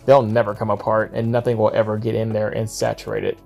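A man's voice: lowish voice, monotone, fast talker, vocal fry, darkish tone, faint music behind. A man, a father, hosting a boat-building channel, casually explaining each step of his work in a practical, easygoing way while recording on a wearable camera outdoors. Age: adult, father of a son. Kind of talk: casual how-to narration while working. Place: outdoor driveway workshop beside a boat.

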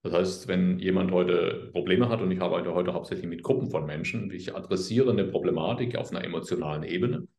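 A man speaking as an interview guest, explaining his work in a calm, earnest, unhurried way. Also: low-pitched, roomy sound. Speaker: guest, healer. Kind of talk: conversational interview.

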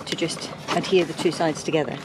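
A woman's voice: deep voice, steady tone, fairly quick. A middle-aged woman chatting casually about their sailing trip and boat repairs. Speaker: sailing vlogger. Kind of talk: casual travel chat. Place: outdoors on a sailboat. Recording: outdoor recording with loud background noise.

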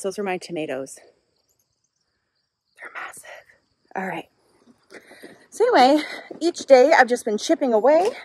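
Midwestern mom vlogger, 30s, upbeat and self-deprecating, handheld outdoor garden tour. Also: female voice, medium pitch, slightly rough, low-quality recording. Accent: Midwestern American. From Wisconsin. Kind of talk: casual chat while gardening. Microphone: handheld camera.

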